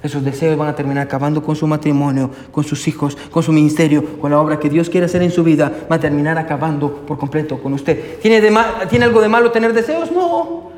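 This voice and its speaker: A man's voice: on the high side, fairly quick, darkish tone. A male pastor preaching a sermon, emphatic and full of rhetorical questions, often adding "amen". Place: church sanctuary. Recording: echoey church hall with long reverb.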